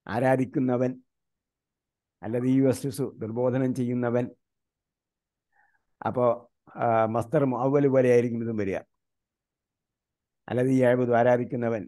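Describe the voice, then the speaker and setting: Man from India teaching grammar online, mellow voice, keeps quizzing students and spells terms out slowly. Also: mid-range voice, level tone. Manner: quizzes students with repeated questions.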